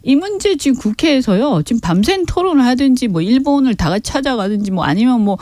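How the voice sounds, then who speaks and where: A woman's voice: a little high, very animated, quick pace, warm tone, no room sound, clean studio sound. A woman guest on a radio talk show, giving frank, critical political commentary with emphasis. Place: radio studio. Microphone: studio mic.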